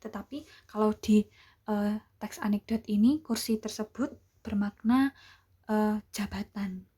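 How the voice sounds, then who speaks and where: A young adult woman teacher giving an online class lecture, explaining terms step by step with many pauses and hesitations. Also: mid-range voice, warm tone, breathy edge.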